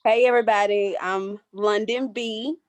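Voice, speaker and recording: A woman cosmetology student introducing herself brightly on a video call. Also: mid-range voice, steady tone, unhurried, no echo.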